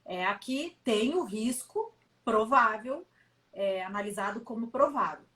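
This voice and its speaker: A woman's voice: on the high side, animated, measured pace, fairly bright tone. A woman hosting a live interview, prompting her guest with short, affirming remarks. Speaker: host interviewer.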